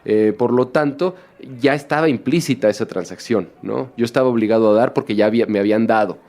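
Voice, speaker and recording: A man's voice: mid-range voice, quick pace, darkish tone. A man from Mexico, a documentary filmmaker talking through his work in a casual interview, reflective and full of restarts. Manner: reflective, many restarts and fillers.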